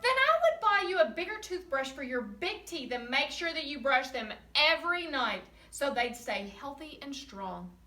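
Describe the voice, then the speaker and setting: A woman voicing a loving, patient storybook mother who answers calmly and reassuringly. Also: sits high, moderate pace, hardly any pauses, reverberant, far from the mic, pitched above the performer's own voice, heavily acted. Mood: loving, soothing. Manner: warm and reassuring.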